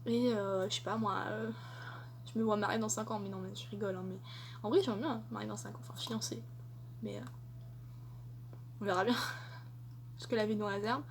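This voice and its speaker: Chatting her way through tag questions on her casual vlog, a young woman hesitates and fills gaps with many fillers, pausing often. She speaks a little fast in a mid-range voice with fairly even intonation, over slight background noise.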